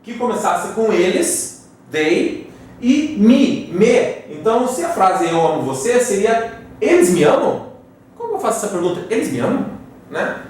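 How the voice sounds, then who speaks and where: A male English teacher with a Brazilian Portuguese accent explains grammar. He says the English example sentences slowly and checks in often with "tá?" and "né?". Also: high voice, very animated, a little mellow. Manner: frequent "tá?" and "né?" check-ins. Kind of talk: classroom grammar lesson. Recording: very echoey room, voice far from mic.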